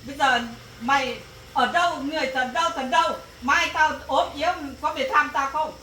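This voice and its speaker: A woman's voice: high voice, normal speed. A woman acting as an angry rural mother who scolds her daughter, in a family drama. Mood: scolding. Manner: scolding, shouting bursts. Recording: echoey, from far off, faint noise.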